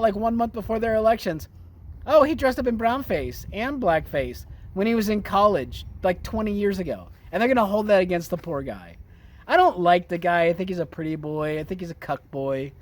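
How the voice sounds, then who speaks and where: A man's voice: high voice, lively intonation, moderate pace. Profane, sarcastic man ranting. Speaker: political commentary vlogger. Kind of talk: ranting political commentary.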